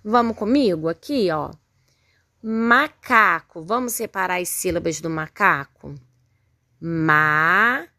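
A woman's voice: on the low side, lively intonation, normal speed, few pauses, fairly bright tone, no room sound, studio quality. A Brazilian woman teaching first graders in a recorded lesson, patiently sounding words out syllable by syllable and praising often. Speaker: primary school teacher. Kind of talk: recorded remote lesson for young children.

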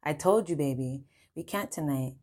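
A woman's voice: low-pitched, moderate pace, a little mellow. A woman voicing a brash, flirty female friend who teases everyone. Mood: teasing. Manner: teasing, bold.

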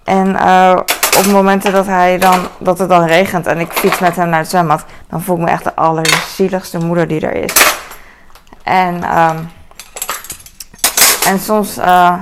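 Woman vlogging while she tidies, low-ish gravelly voice, dishes clattering in the background. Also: level tone, measured pace, noisy background. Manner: rambling, many fillers and restarts, mixes in English phrases. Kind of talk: casual chat while tidying the kitchen. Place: home kitchen. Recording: kitchen clatter of dishes and cutlery.

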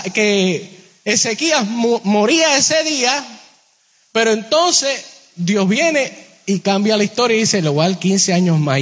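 Male preacher, high voice, sermon delivered direct to the congregation, slows on key phrases, long hall echo. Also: fairly bright tone. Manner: addresses listeners directly with rhetorical questions; slows down on key phrases, shifts pitch a lot.

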